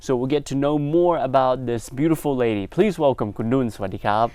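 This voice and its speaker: Fast-talking interviewer man. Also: mid-range voice, smooth, dry recording. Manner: polite, steady with listening backchannels. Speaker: show host, interviewer.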